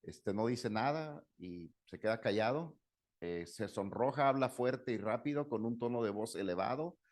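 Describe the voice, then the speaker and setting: A man's voice: medium pitch, animated, normal speed, a little mellow. A middle-aged man, a psychologist giving a conversational lecture, acting out quoted dialogue and often checking in with "¿no?". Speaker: psychologist giving a talk on anger. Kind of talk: lecture with anecdotes.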